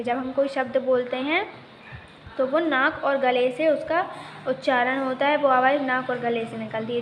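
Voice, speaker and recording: A woman teacher giving a primary school grammar lesson, asking questions and answering them herself as she spells out syllables. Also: high voice. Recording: echoey room with faint noise.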